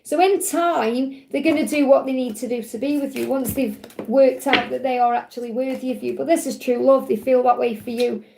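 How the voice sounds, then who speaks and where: High, mellow-voiced middle-aged woman, slightly croaky. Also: fairly even intonation, a little fast, few pauses, slight background noise. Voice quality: slightly croaky when hot. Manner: reassuring, repeats points in parallel phrases. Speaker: tarot reader, live show host. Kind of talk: live tarot love reading to viewers.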